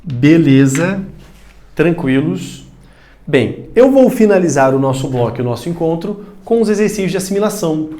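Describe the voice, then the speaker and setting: A man with a Brazilian Portuguese accent teaching a recorded video lesson, talking straight to the viewer and loudly calling out example words. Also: a little high, moderate pace. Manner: animated, addresses viewer directly, shouts example words.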